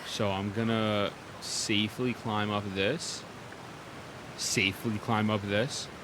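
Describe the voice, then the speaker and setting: A young man streams a game and reacts in casual, slangy bursts, muttering asides over video game music. His voice is on the low side, level in tone and slow, with some background noise.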